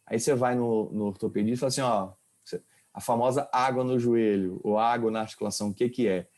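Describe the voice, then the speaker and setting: A man's voice: mid-range voice, fast, darkish tone. A male professor giving an informal anatomy lecture, quizzing his students with questions as he explains. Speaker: kinesiology professor.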